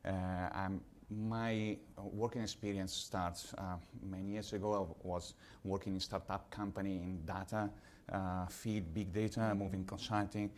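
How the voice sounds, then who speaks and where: A man from Italy with an Italian accent, speaking on a conference panel as a pharma executive, measured and slightly halting in English. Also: sits low, little pitch movement, a little hiss or hum.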